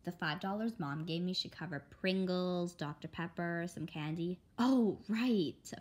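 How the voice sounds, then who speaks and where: Reading a comic story aloud, a woman with a lowish voice goes a little slowly, animatedly performing the characters' lines and speaking the sound effects.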